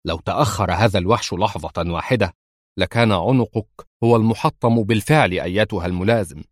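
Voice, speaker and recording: Cold, clipped male officer, as a narrator plays him, low and commanding, audiobook. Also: brisk, dry recording, clean studio sound, close to an everyday voice. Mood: sharp.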